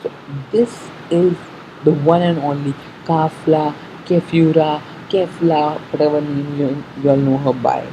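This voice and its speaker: A fan giving casual commentary on an episode preview, haltingly thinking aloud, repeating and correcting themselves, on a muffled recording. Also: medium pitch, steady tone. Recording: muffled sound with faint background noise.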